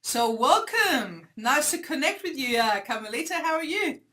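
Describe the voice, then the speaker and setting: A woman hosting an interview on a video call, asking questions in a measured, encouraging way. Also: high voice, very animated, pushed and bright. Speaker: interviewer, host.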